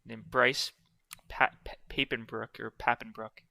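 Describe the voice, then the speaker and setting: A man co-hosting a casual podcast, talking in an excited, joking way and reeling off trivia. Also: medium pitch, a little slow, gravelly, dry recording. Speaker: podcast co-host. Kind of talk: casual chat.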